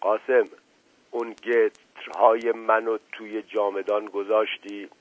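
Man doing a slow, commanding old patriarch. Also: fairly low pitch, flat delivery, dry recording, natural voice. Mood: stern. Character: proud, ailing older family patriarch. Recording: tinny dry radio recording.

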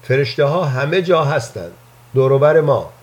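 A man voicing a gentle, playful old man who earnestly believes in angels, speaking softly and confidingly. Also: on the high side, animated, pitched above the performer's own voice, close to an everyday voice. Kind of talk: storybook reading.

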